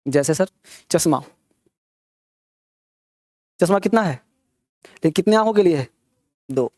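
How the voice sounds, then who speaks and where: A man's voice: high voice, a little mellow, no echo, studio quality. A man teaching an English grammar class, teasing and scolding his students as he quizzes them with rhetorical questions. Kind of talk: classroom lecture.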